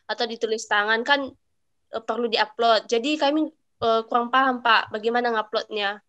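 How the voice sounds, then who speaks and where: A woman's voice: a little high, steady tone, moderate pace, fairly bright tone, highs cut off. A woman student asking a hesitant question on an online class call, her audio glitching and cutting out over a weak signal. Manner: hesitant, with many fillers. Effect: choppy, glitching audio that keeps cutting out. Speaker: university student. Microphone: video call.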